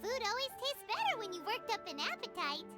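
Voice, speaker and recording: A squeaky, bubbly little game companion, her pitch soaring to the very top and swinging wildly from word to word. She chatters eagerly about food, and game music plays clearly behind her. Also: big pitch swings, fairly quick. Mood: chirpy. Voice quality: high childlike squeak. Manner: bubbly and exclamatory. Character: tiny floating female companion, childlike and food-loving. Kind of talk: game character dialogue.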